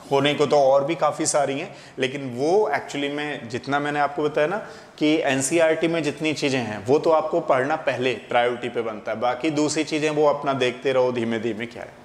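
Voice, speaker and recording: A man teaching a chemistry lesson in a classroom lecture style, explaining step by step and asking and answering his own questions. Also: mid-range voice. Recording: echoey room with faint background noise.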